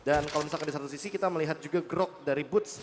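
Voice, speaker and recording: A man's voice: on the high side, very fast, background noise. A man giving analytical live commentary on an esports match. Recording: echoey sound, loud music behind.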